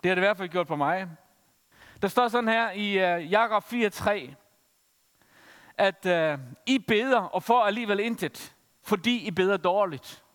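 High-voiced man preaching in a reverberant hall. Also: a bit bright, clear, resonant tone. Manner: storytelling with many hesitations. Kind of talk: sermon.

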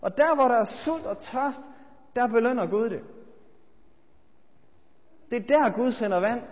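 A man preaching a sermon, swinging between loud urgent appeals and quiet reflective asides. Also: extremely high pitch, expressive. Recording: dull sound with long church reverb.

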